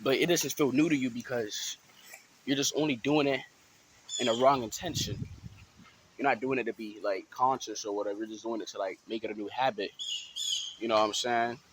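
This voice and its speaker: A man's voice: mid-range voice, background noise. A man vlogging about spiritual awareness in a rambling, casual way, full of fillers and repeated check-ins with his listeners. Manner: rambling, filler-heavy, keeps asking "you know what I'm saying". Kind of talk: casual motivational talk.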